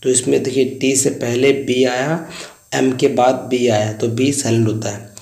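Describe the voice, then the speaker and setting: A man runs a classroom-style lesson, slowly spelling out words letter by letter and calling his viewers "guys". His voice has a gravelly edge. The room around him is roomy and echoey. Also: mid-range voice, level tone, a little mellow. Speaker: English teacher. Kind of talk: Hindi-English classroom lesson.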